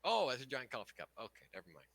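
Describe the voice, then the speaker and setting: A man's voice: mid-range voice, huge pitch swings, very fast, gravelly, fairly bright tone. A man joking playfully with friends over an online voice call. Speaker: tabletop game player. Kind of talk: casual chat before a game session.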